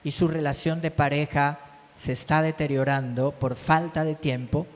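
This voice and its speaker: A Colombian man preaching a sermon as pastor. He drives his points home with repetition and keeps checking in with his listeners through quick tag questions. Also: a little high, level tone. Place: church hall. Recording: church hall with long reverb.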